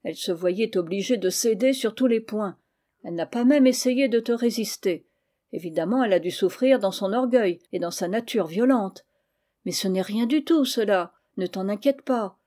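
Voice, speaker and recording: A woman reading a gentle, wise uncle. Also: medium pitch, moderate pace, lightly acted. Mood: reassuring. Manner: calm, reassuring, gently firm. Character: kind, wise middle-aged uncle, a steady comforter. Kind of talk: audiobook reading of a classic novel.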